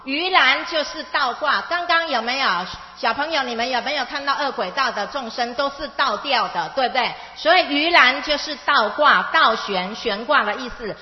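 A woman's voice: sits high, normal speed, hardly any pauses. A woman teacher telling a story and explaining it to young children in simple words, with emphatic repetition and questions, as if to little ones. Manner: simple, question-and-answer talk as to small children; emphatic, repeats key words. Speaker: Buddhist teacher (dharma master) of a children's class. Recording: echoey hall, dull muffled sound, music.

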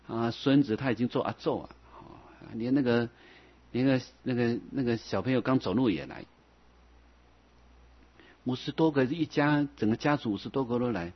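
A man's voice: mid-range voice, breathy edge. A man, a Buddhist monk, giving a folksy, chuckling sermon full of little fillers. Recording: dull lo-fi recording.

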